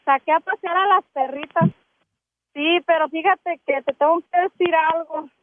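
A woman's voice: very high voice, moderate pace. A woman calling a radio show, complaining and telling her story animatedly. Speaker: caller. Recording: tinny phone line.

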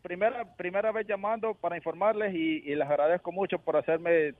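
A male caller tells jokes over a thin, tinny phone line, stumbling and restarting as he goes. His voice sits a little high for a man. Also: fairly even intonation. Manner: halting, restarts mid-sentence. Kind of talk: telling jokes on a call-in show. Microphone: telephone.

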